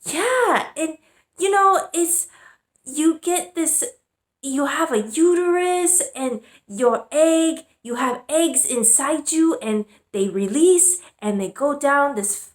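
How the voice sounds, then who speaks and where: A woman's voice: high-pitched, expressive, voice pushed up. A woman putting on her anxious immigrant mother, a native Chinese speaker who gropes for English words. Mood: explaining. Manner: halting, groping for English words. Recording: roomy echo.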